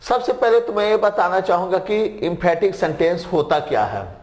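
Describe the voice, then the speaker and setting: A man's voice: high-pitched, animated, moderate pace, reverberant. A man teaching a grammar lesson, repeating key phrases and examples and reading sentences out word by word. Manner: reads English sentences word by word.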